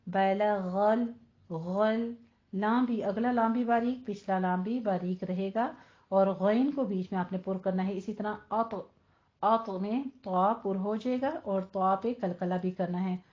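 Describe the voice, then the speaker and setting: Woman, recitation teacher, warm low-toned voice, repeats words for practice. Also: highs cut off. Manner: slow, instructive, drills words repeatedly. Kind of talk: tajweed lesson with recitation.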